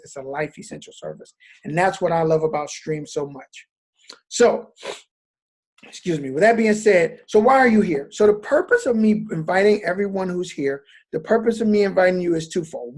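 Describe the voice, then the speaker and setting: Chatty man hosting a video call. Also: high-pitched. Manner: chatty storyteller, many fillers, animated when quoting. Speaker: network marketing presenter. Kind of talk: casual presentation on a video call.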